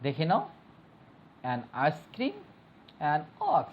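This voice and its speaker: A man's voice: on the high side, wildly swooping pitch, very slow. A male teacher giving a step-by-step grammar lesson, repeating rules and putting questions to his students. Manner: explains step by step, repeats points and asks the class questions. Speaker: school teacher. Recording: dull lo-fi recording with faint mains hum.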